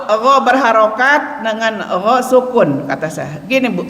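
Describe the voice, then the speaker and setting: A woman's voice: fairly high pitch, expressive, a little slow, a bit bright. A woman religious teacher with a Sundanese accent gives a Ramadan lesson on Quran recitation, playful and laughing often. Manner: playful, laughing often, mixing in local words. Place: mosque hall. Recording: echoey mosque hall with long reverb.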